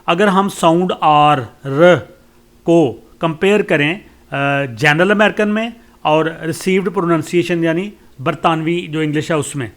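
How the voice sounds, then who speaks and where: Slow-reading Pakistani male teacher with fillers. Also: a little high, a bit bright. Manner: reads English lines slowly, then explains them in Urdu with many fillers. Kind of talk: lecture explaining a course text.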